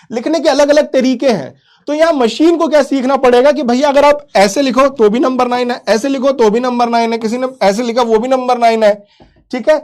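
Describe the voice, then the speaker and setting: A man teaching kids in a live online class, quizzing the chat and often calling them "beta". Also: very high-pitched. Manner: quizzes the chat, calls students "beta", repeats "theek hai"; mixes English into explanations.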